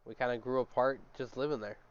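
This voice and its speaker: A man's voice: medium pitch, steady tone, fast talker, clean tone. A young man hosting a podcast, telling long rambling stories full of "like" and "dude". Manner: rambling storyteller, many fillers like "like" and "dude". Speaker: podcast host. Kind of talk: casual chat. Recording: muffled lo-fi mic.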